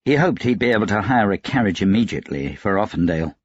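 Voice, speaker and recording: Low, husky male audiobook narrator. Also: very animated, fast, no echo, muffled recording. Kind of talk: scripted narration.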